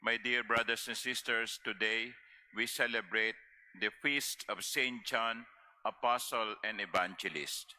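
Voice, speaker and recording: A man leading Mass as priest, reciting prayers in a measured, formal way at a pulpit microphone in a large cathedral. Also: on the low side, fairly even intonation, bright, forceful tone, poor audio.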